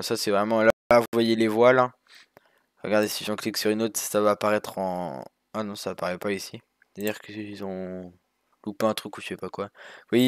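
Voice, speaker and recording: Casual male game narrator, middle pitch, rambling delivery, dry close mic. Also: dry recording. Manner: rambling, many fillers and restarts. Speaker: gaming youtuber. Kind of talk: casual screen-recorded game walkthrough.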